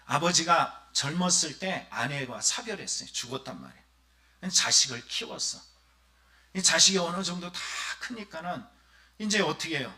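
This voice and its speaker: A male pastor delivers a Sunday sermon with a lively, swinging voice. His tone is bright and forceful, and he turns often to his congregation with questions. He slips into quoted voices as he tells the story. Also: on the high side, moderate pace, vocal fry. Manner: animated preaching, often addressing the congregation directly; acts out quoted voices of villagers and the son.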